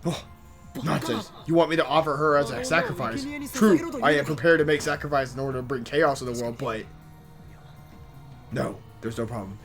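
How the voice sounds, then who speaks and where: A mid-pitched man reads a visual novel aloud for his channel, often tripping over words and backing up to try again. He mutters little complaints between lines in a casual, unpolished way. Soft game music plays faintly underneath. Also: moderate pace. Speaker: let's play host reading a visual novel aloud. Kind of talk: reading game text aloud with casual asides.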